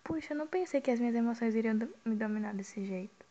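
A woman's voice: on the high side, expressive, fast, mellow, dull audio. A young woman playing a dating game, reading its dialogue aloud and joking, swearing casually and laughing often. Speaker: gamer.

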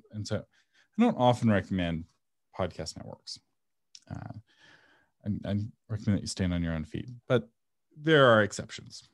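A man with a low voice presents a webinar, fielding audience questions in a casual, frank way. He laughs often and now and then launches into a passionate rant, making this relaxed Q&A-style teaching. The recording is clean, studio-quality, with no echo.

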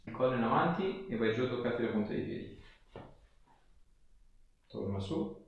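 Speaking at a normal pace in an expressive mid-range voice, this male chiropractor gives a patient casual instructions and chats along. The recording sounds muffled, with the echo and faint noise of a small indoor clinic treatment room.

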